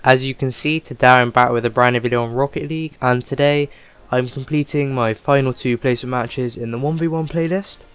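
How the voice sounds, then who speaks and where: A man hosts a gaming channel, chatting casually and rambling with plenty of fillers while he plays, his voice rough from a cold. His voice is mid-range with fairly even intonation and a brisk pace.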